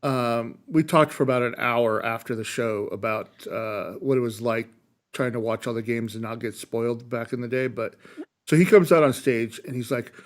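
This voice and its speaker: A man co-hosting a podcast, telling stories in casual chat with frequent fillers and restarts. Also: medium pitch. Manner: storytelling, halting with fillers. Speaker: podcast co-host.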